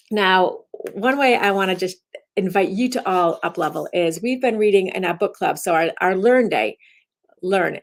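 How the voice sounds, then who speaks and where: Gravelly-voiced woman chatting casually. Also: on the low side. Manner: rambling and chatty, restarting sentences. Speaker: instructor giving a daily message. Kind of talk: casual self-recorded talk.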